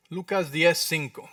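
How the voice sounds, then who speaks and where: A male pastor preaching in a high, bright voice that jumps from quiet asides to loud bursts as he acts out prayers and dialogue. He keeps checking in with the congregation through quick rhetorical questions. The sound is dry, with the voice a little distant from the mic. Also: no room sound. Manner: animated preaching, acting out prayers and dialogue with sudden loud outbursts; asks the congregation for agreement with frequent rhetorical questions. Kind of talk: sermon. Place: church.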